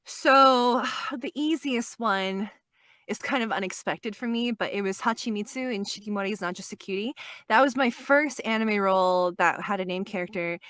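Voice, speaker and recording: A young adult woman, a voice actress guest in a casual podcast interview, chatty and quick to laugh, often restarting her sentences. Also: mid-range voice, fairly bright tone, clear, resonant tone, no echo.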